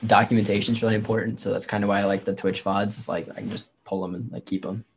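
A performer and tarot reader chats casually as a livestream guest, rambling informally and saying "like" a lot. His fairly low voice is flat, very fast and full of vocal fry, with a noisy background behind him.

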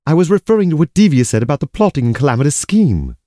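A man's voice: fairly high pitch, sing-song, fast, mellow, no room sound. A man playing a dry, secretive schemer in a comic audio drama, formal, terse and disapproving. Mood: exasperated, hushed urgency.

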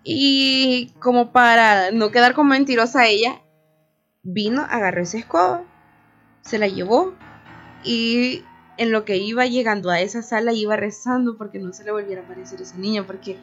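Young woman, higher voice, casual storytelling, animated fillers, dull lo-fi sound, faint music underneath. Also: normal speed. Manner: animated, many fillers like "o sea". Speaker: radio show team member telling a story.

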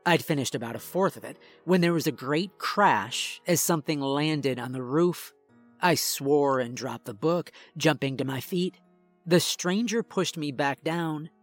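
A man reading a first-person horror story in a tense, measured way. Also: fairly high pitch. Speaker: narrator. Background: faint music.

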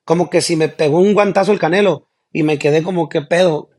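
High-voiced man, relaxed chat. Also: fast talker. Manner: relaxed, laughs easily, slangy. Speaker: singer of a regional band, guest. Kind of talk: casual interview chat.

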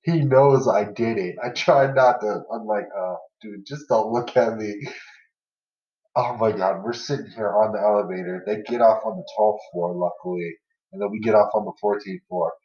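Low-voiced man telling rambling stories. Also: steady tone, a little fast, a little mellow. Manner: rambling, filler-heavy, laughs through stories. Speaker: podcast co-host. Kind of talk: casual storytelling chat. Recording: roomy, distant, dull lo-fi sound.

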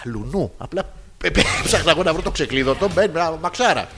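High, lively-voiced man joking around. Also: music in the background. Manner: joking, crude and teasing, rambling. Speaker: podcast co-host. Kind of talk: casual banter.

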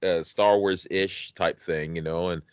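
A man's voice: deep voice, steady tone, normal speed, smooth, no echo, lo-fi sound. A man co-hosting a podcast, chatting casually and nostalgically, rambling with many restarts. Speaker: podcast co-host.

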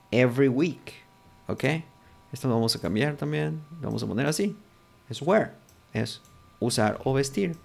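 A man's voice: medium pitch, vocal fry. A man teaching a language lesson, patiently working through examples and checking in often with his students. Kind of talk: explaining a lesson.

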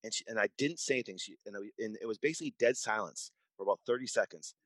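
Emphatic man in his forties, deep and dry. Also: racing, fairly bright tone, no room sound, low-quality recording. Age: 40s. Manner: emphatic, repeats words, restarts sentences. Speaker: podcast guest, doctor. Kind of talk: conversational interview storytelling.

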